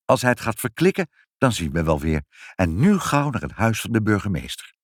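A kindly, fussing father from a storybook, as a male reader plays him, coaxing and gentle. His voice moves up and down lively, in a dry, close sound. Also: lowish voice, fairly quick, dry recording. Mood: practical.

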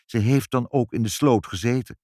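A man voicing a gruff, grumbling father in a children's story. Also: mid-range voice, normal speed, a little mellow, no echo, clean studio sound, natural voice. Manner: grumbling, stern.

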